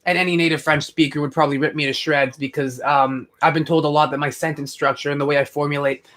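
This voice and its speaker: This young live-stream host, a native English speaker, talks fast in a fairly high, slightly bright voice with fairly even intonation. His casual commentary to viewers is rambling and chatty, with lots of fillers and restarts.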